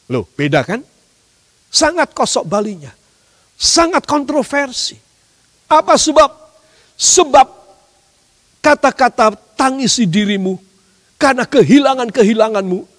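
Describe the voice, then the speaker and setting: High, lively-voiced man preaching in a reverberant hall. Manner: dramatic, swings between loud high emphasis and low hushed asides. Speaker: pastor. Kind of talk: sermon.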